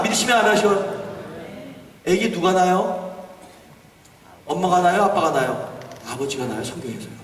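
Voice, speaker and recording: An older man preaching a sermon as pastor, fervent, rising to shouts and calling for amens from the congregation. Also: high voice, slight background noise. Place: church sanctuary. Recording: echoey hall, distant mic.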